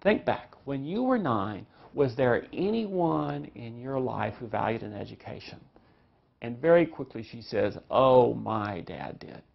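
A man with a gravelly voice teaches a parenting lesson, explaining step by step with examples. He now and then acts out parents and children. The recording sounds dull and lo-fi. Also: medium pitch, lively intonation, a little slow. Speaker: parenting instructor. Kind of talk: recorded parenting class lecture.

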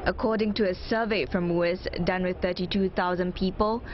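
A woman reporter reading a news voice-over with a clear, steady delivery. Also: on the low side, moderate pace, lo-fi sound, slight background noise.

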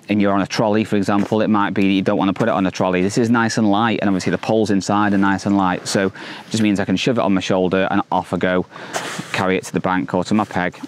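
Upbeat low-voiced man reviewing gear outdoors. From England. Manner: upbeat, enthusiastic, frequent fillers and restarts. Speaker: fishing channel host. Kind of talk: product review to camera. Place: outdoors by a lake. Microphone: lapel mic.

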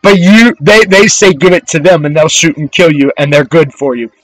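A man's voice: on the high side, normal speed, poor audio. A man preaching a fiery, repetitive sermon, reading scripture and hammering his points at the listeners. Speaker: street preacher.

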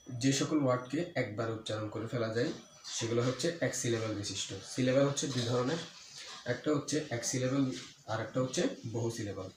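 A man teaching an English grammar lesson, repeating key words slowly and asking his own questions before answering them. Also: medium pitch. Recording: echoey room with faint ambient noise.

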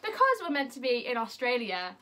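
A woman's voice: on the high side, sing-song, fairly quick, heavy background noise. A young British woman with a British English accent hosting a casual, cheerful snack-tasting vlog from home. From United Kingdom. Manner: cheerful, upbeat, chatty. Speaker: YouTube vlogger host. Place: at home, indoors.

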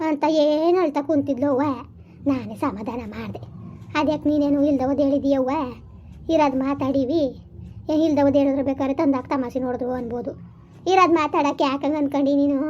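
A woman's voice: sits high, a little mellow, lo-fi sound. A woman, performing a village comedy skit full of scolding and taunting banter. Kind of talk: rural comedy skit, bickering dialogue.

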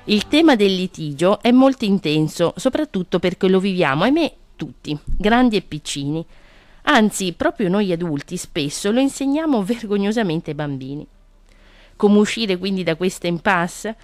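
A woman reading a children's picture book aloud on the radio, gentle and expressive. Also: mid-range voice, moderate pace, no room sound. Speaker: children's story reader. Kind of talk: storybook reading.

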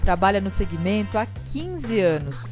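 A woman's voice: mid-range voice, very animated, measured pace. A woman presenter with a Brazilian accent reading a polished, upbeat script for a TV program. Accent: Brazilian Portuguese. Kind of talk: scripted narration. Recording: narration over music.

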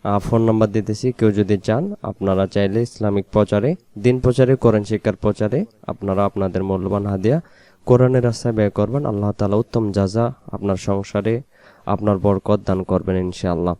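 Smooth-voiced man teaching Quran recitation. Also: on the low side, steady tone, warm tone, dry recording. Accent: Bangladeshi Bengali. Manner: chants verses slowly, then explains rules briskly.

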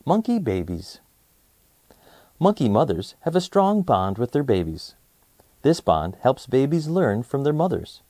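Reading a nonfiction book for kids as the host, this man uses a lively, crisply articulated storytelling style aimed at young ears. The voice is mid-range, the pacing measured, and there's no echo.

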